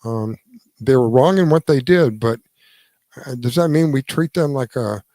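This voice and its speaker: A man in his seventies giving his opinion in casual radio talk, earnest and halting, restarting his sentences as he goes. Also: medium pitch, no room sound. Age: 70s. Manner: lively, swings between emphatic and quiet. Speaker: radio show host.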